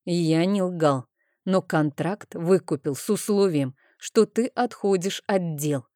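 A woman's voice: fairly low pitch, takes it slowly, mellow, no room sound, clean studio sound. A woman voicing a short-tempered, anxious male dragon thief in an audiobook, agitated and scolding. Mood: guarded. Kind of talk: audiobook character voice.

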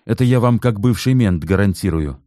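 A stern ex-cop, read by a male narrator, firm and pressing. His voice sits a little above the reader's low, dark tone, close and dry. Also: expressive, moderate pace, no echo, natural voice. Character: stern former police officer, middle-aged man.

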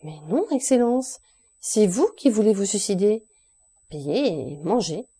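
A woman voicing a calm, mocking male bandit jailer who speaks with cool, deadpan politeness in an audiobook reading. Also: mid-range voice, measured pace, breathy edge, heavily acted.

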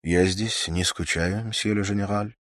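A man reading an audiobook, voicing a reserved young man in love who speaks tersely and quietly. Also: fairly low pitch, fairly even intonation, a little slow, dry recording, studio quality. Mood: subdued. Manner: subdued, terse.

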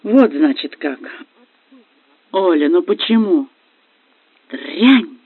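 A man's voice: high-pitched, a little slow, dry recording, voice pushed up. A man voicing a jealous husband who accuses his wife bitterly. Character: jealous angry husband, a police officer. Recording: dry, phone-like lo-fi.

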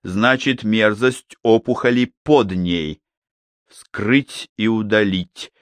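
A man voicing an obsessive veteran male surgeon in an audiobook, giving clipped, crisp orders. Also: medium pitch, lively intonation, measured pace, a bit bright, no echo, clean studio sound. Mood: commanding. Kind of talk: audiobook character voice.

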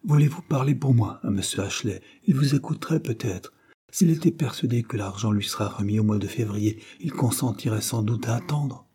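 A man's voice: medium pitch, brisk, mellow, breathy edge. A man reading the lines of a distressed, poor young mother in an audiobook, anxious and pleading.

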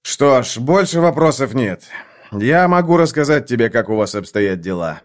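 A man's voice: mid-range voice, animated, moderate pace, natural voice. Audiobook figure: male reader voicing a curt interrogator, matter-of-fact. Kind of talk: audiobook character voice.

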